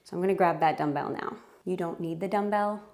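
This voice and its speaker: A woman's voice: fairly low pitch, a little fast, a little mellow, echoey room. A woman leading a home workout, counting reps and giving encouraging cues while out of breath. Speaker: fitness instructor. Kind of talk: guided home workout instruction. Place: home room.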